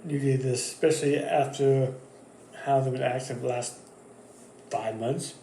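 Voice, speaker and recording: A man's voice: mid-range voice, fairly even intonation, unhurried, dark tone, slight background noise. A man hosting his own wrestling channel, giving casual predictions in a loose, rambling way full of fillers and restarts. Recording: echoey room.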